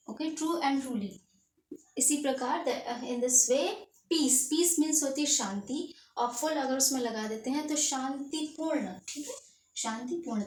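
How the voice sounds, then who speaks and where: A woman teaching an English grammar lesson in Hindi and English, explaining step by step and checking in with "okay". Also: high voice. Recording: echoey room, distant mic, faint noise.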